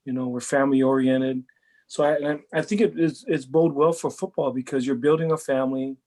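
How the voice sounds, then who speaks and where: A middle-aged football coach from Hawaii answers interview questions in casual chat, earnest and reflective, repeating words while he gathers his thoughts. His voice is of ordinary pitch, a little mellow, with fairly even intonation and a slightly fast pace.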